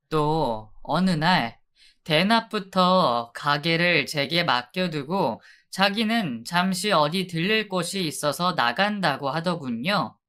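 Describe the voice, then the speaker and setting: A woman's voice: low-pitched, a bit bright, clean tone. A woman narrating her own story in a scripted radio-drama style, indignant at her husband.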